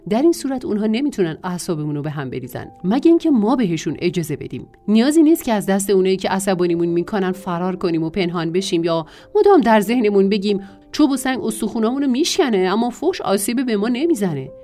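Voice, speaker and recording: A woman narrating a self-help audiobook in a measured reading voice, drawing out lists of words. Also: mid-range voice, dark tone.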